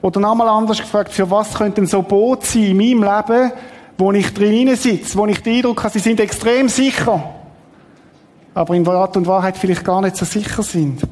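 Guy preaching, high voice, chatty, asks the crowd stuff, long reverb. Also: darkish tone. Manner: conversational, asks the congregation questions. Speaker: pastor. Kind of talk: sermon. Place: church hall.

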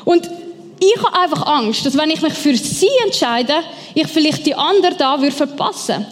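A woman with a Swiss German accent preaching a sermon in a lively, playful way, acting out inner voices. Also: high-pitched, moderate pace. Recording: long hall reverb.

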